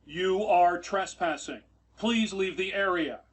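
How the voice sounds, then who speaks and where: A man's voice: high-pitched, takes it slowly. Stern man's security warning through a speaker. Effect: security warning played through a small speaker. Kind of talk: stern recorded security announcement.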